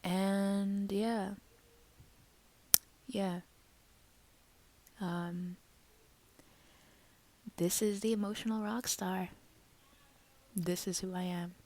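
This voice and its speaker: A woman's voice: medium pitch, fairly even intonation, drawn-out words, pauses often, mellow, a little hiss or hum. A woman talking casually and emotionally in a personal vlog, tearful and full of fillers. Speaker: vlogger.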